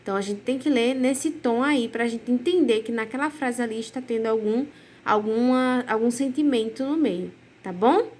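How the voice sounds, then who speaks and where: A young Brazilian woman teaching children in a recorded remote lesson, her voice sitting a little high. She speaks slowly and tenderly, leaning hard into sing-song intonation whenever she reads an example sentence aloud. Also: darkish tone. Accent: Brazilian Portuguese. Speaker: primary school teacher.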